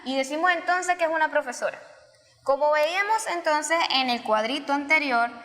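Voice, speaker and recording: A woman from Venezuela, a Spanish-speaking English teacher, explaining grammar step by step in a recorded lesson and repeating key forms slowly. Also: sits high, a bit bright. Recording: long reverb, roomy sound.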